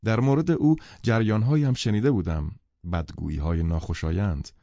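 Low, dark-voiced male audiobook narrator. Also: no echo, highs cut off.

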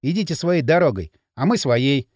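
Кастинг: мужчина играет дерзкого подростка, нетерпеливый, живая интонация, сухо. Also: male voice, on the high side, expressive, normal speed, a little mellow, dry recording, clean studio sound. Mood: defiant. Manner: impatient, defiant. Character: brave hot-headed teenage boy.

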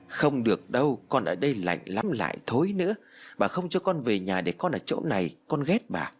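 A man's voice: mid-range voice, sing-song, moderate pace, husky. A man voicing the ghost of a small girl who is clingy, stubborn and tearful in a spoken ghost story. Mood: sulky. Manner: childish, pleading and stubborn.

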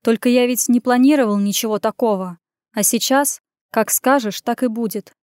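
Woman reading a gruff businessman in an audiobook: clipped, brusque, higher pitch, dry sound. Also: moderate pace, darkish tone, dry recording, natural voice. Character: brusque grown man, wealthy businessman, gruff.

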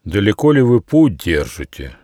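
A man's voice: lowish voice, very animated, moderate pace, dry recording, studio quality. A man doing a lonely, grand old tiger king. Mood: grateful. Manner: weary, grand, loud. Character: big lonely feared male tiger, king of the jungle.

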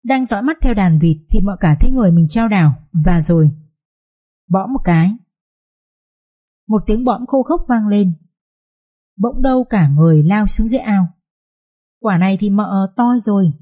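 A woman narrating a family drama story in a lively, colloquial storytelling manner. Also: mid-range voice, normal speed, long pauses, husky.

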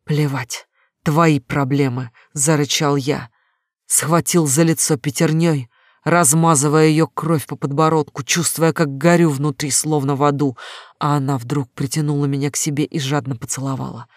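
A man's voice: a little high, fairly even intonation, normal speed, dry recording, studio quality. A man giving a dramatic first-person narration of a novel, reading intensely and emotionally. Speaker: audiobook narrator.

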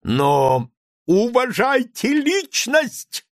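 A man voicing an indignant, hysterical young nobleman who shouts in high-pitched outbursts, in an audiobook reading. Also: big pitch swings, drawn-out words, dry recording, studio quality, full character voice. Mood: shouting.

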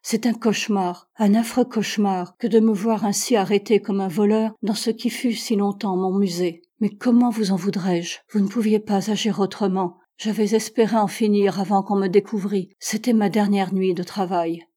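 A woman's voice: mid-range voice, fairly even intonation, normal speed, few pauses, warm tone, breathy edge, lightly acted. A woman voicing an exhausted, contrite elderly male professor in a French audiobook reading, in a weary, pleading manner.

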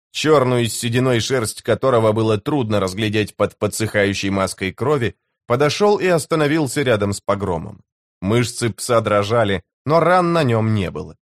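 A man's voice: mid-range voice, no echo, clean studio sound. Man reading a fantasy audiobook. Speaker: narrator.

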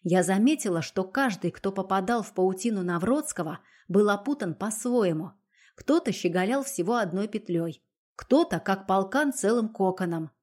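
A woman narrating an audiobook in the first person, with an expressive, dramatic reading. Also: medium pitch, normal speed.

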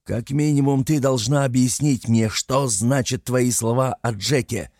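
A man's voice: sits low, normal speed, warm tone, dry recording, studio quality. A man doing a stern, domineering man. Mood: angry. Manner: stern, growling. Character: volatile, domineering man in a stormy relationship.

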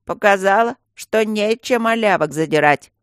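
A reader voicing a sly, gruff stone guardian who growls and coaxes by turns. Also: medium pitch, expressive, unhurried, no echo, clean studio sound. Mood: cheerful. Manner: growling, fussy, coaxing.

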